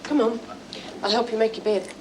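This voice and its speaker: An actress with an Australian accent playing a gentle but firm woman prison officer in a television drama. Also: on the high side, fairly even intonation, fairly quick, very noisy, close to an everyday voice. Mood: reassuring. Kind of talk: 1970s TV drama acting.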